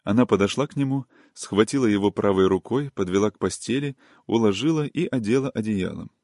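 A man narrating an audiobook of classic prose in a measured, calm storytelling manner. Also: fairly low pitch, no room sound, studio quality.

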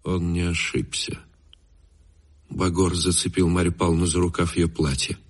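A man narrating a classic story in a measured, expressive reading. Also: low voice. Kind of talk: literary audiobook narration.

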